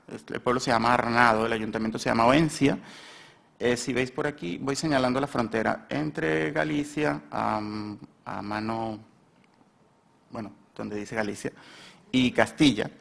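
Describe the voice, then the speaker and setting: A man's voice: medium pitch, creaky. A man with a Spanish accent presenting his research at a symposium in a university seminar room, hesitant and often correcting himself as he rambles. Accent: Spain Spanish. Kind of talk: conference talk.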